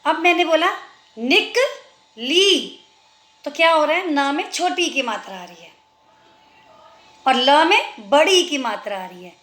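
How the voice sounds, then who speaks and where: High bright-voiced woman teaching slowly. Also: animated, reverberant. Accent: Indian. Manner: slow, drawn-out pronunciation of example words. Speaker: Hindi teacher. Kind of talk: children's language lesson.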